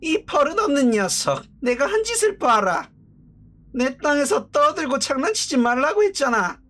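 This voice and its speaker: A man voicing a cranky old woman neighbour who scolds children in a raised, shrill tone. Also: very animated, moderate pace, fairly bright tone, full character voice. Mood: scolding.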